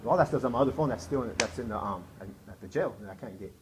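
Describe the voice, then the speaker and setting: A man's voice: mid-range voice, expressive, rapid-fire, noisy background. A middle-aged man recounting a painful personal story in a rambling, repetitive way, acting out quotes. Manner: rambling, repeats himself, acts out quotes. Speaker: man telling his side of a story. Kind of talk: emotional personal account.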